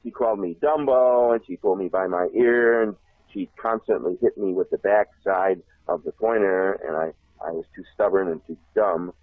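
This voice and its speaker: A man telling a long childhood story on a talk show, animated and laughing often. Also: low voice, normal speed, no echo. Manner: animated, laughs often, acts out shouted voices. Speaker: guest telling a life story. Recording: tinny phone line.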